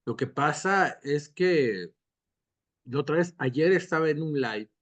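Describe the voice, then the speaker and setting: Slow, higher-voiced male doctor explaining. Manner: calm, lecturing, acts out dialogue when giving examples. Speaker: doctor, guest expert. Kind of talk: explanatory interview answers.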